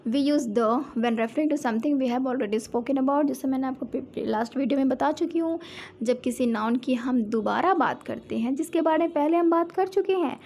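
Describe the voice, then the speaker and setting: A woman's voice: high voice, a little mellow, a little hiss or hum. A woman with an Indian accent, explaining a lesson to students and often asking the class questions. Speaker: teacher.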